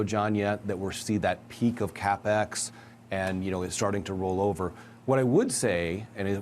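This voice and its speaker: Low-voiced man analyzing markets. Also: darkish tone, a little hiss or hum. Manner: measured, analytical, emphatic asides. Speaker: market strategist guest. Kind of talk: financial news interview.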